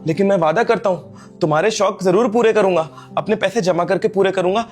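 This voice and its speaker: A man's voice: sits high, a little fast, lightly acted. Casting: man as humble young servant, earnest and pleading, faint music under. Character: poor young male servant pleading for love. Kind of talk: scripted skit acting.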